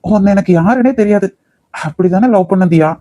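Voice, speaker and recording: A man voicing a protective young husband in an animated cartoon, firm yet soothing. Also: sits high, a little fast, no room sound, close to an everyday voice, poor audio. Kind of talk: cartoon voice acting.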